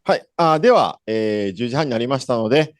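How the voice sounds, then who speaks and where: Chatty animated man hosting a conference. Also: medium pitch, fairly quick, dry recording, studio quality. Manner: chatty, rambling with many fillers and self-corrections. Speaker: event host. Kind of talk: casual conference introduction. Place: conference hall.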